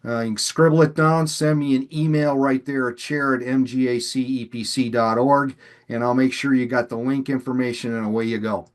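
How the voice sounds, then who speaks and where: A man's voice: mid-range voice, steady tone, moderate pace. A man chairing a committee meeting over a video call, chatty and folksy, poking fun at his own talking. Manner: folksy, chatty, self-deprecating. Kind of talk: casual meeting presentation.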